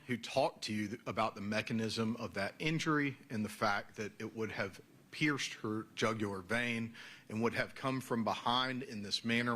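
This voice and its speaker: A man speaking as a prosecutor in a courtroom, giving a formal, deliberate closing argument in short narrative phrases. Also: on the low side, bright, forceful tone, a little hiss or hum.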